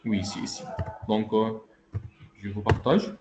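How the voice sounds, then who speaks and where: A man's voice: on the low side, fairly even intonation, a little slow, warm tone. Patient male teacher on a video call. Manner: patient, repeats checks like "ok?" and "d'accord?". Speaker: Arabic teacher. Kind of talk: online class teaching.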